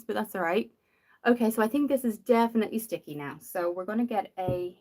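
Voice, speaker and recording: A young woman from Dublin, Ireland, whose accent has softened after years living in the UK, hosts a makeup livestream. Speaking in a mid-range voice, she chats and rambles casually, reading out viewer comments and responding to them.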